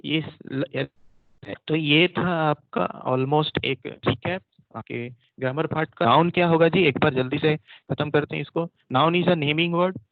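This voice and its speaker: A male teacher giving an online grammar class, repeating and drilling terms and asking quick questions. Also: a little high, dry recording. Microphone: computer mic, online class. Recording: dry, dull lo-fi online audio.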